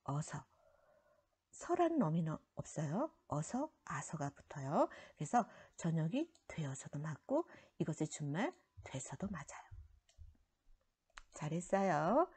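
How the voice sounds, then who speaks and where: A woman's voice: low voice, very animated, unhurried, darkish tone, breathy edge. A woman teaching a middle school grammar lesson, explaining rules step by step and trailing off into a near whisper at the ends of some phrases. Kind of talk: recorded classroom lecture.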